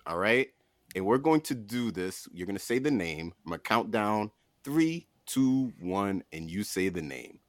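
A podcast host argues emphatically in a casual comic debate, putting on mock disbelief. His voice is lowish with wide pitch swings, his pace slightly slow, and there's no room sound.

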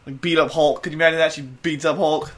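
A man co-hosting a casual podcast, talking in an animated, argumentative way. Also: fairly high pitch, fast. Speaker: podcast co-host. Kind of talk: casual chat.

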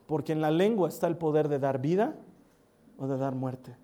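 Guy preaching, mellow darker voice, goes soft and close when telling family stories. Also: a little high, moderate pace. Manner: warm storytelling with soft intimate asides. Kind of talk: sermon.

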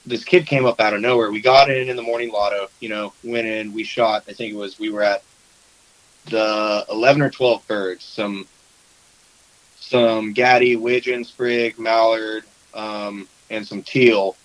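A man in relaxed conversation, spinning hunting anecdotes with animated quoted dialogue. His voice sits on the low side. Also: measured pace, low-quality recording. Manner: animated storyteller, acts out quotes. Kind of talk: casual chat about duck hunting.

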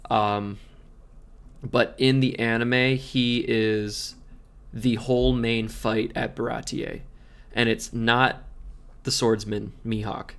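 A man of middle pitch co-hosts a podcast in casual chat. He sounds relaxed as he asks short questions and fills pauses with soft "um"s, steering the conversation forward. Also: creaky. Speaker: podcast co-host asking questions.

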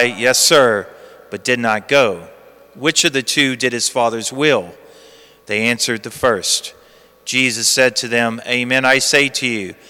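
A man, a priest, reading the gospel and preaching a homily in a measured, emphatic way, his voice carrying a long church echo. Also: medium pitch, pushed and bright, clean tone. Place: large church. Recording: long cathedral-like church reverb.

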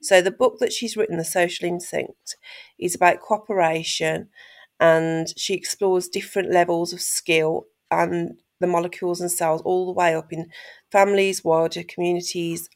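A man co-producing a podcast, nasal from a cold, explaining in a laid-back, halting way. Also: high voice, level tone. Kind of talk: casual chat.

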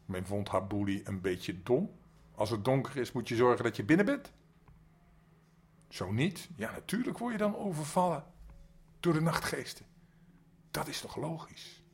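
Husky grandfather reading bedtime stories. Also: medium pitch, animated, normal speed, long pauses. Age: older. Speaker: grandfather storyteller.

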